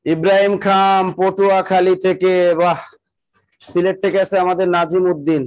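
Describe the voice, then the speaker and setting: A man with a high-pitched voice teaches a live online class and dictates the same definition again and again. He keeps telling students to write quickly and greets viewers by name as they join. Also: little pitch movement. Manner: repeats definitions slowly for students to write down, urging them to hurry; talks to viewers directly, greeting them by name and district. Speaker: exam-prep teacher.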